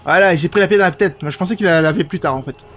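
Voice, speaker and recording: A young man from France giving excitable, casual commentary as he plays a video game, swearing now and then. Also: fairly high pitch, racing. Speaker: gaming video host. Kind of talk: casual let's-play commentary. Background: game music.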